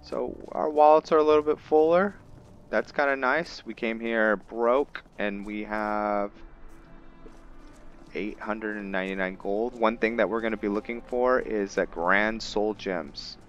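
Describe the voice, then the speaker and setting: A gaming host with a lowish, slightly slow voice offers casual roleplay commentary on a game, thinking out loud and slipping into character. The lo-fi mic sounds dull, and music plays in the background.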